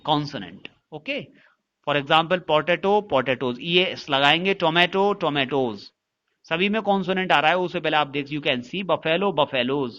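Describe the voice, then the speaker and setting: Male teacher, Indian English accent, slow steady delivery, spells words letter by letter, slightly raised pitch. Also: dull audio. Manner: spells words out letter by letter and repeats questions to the class. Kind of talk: classroom-style lesson in Hindi mixed with English.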